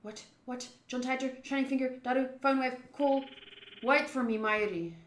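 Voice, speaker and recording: A woman streams her playthrough of a visual novel, reading the narration aloud expressively and dramatically with excitable interjections. Her voice is high and at a normal pace, and the recording has a roomy echo.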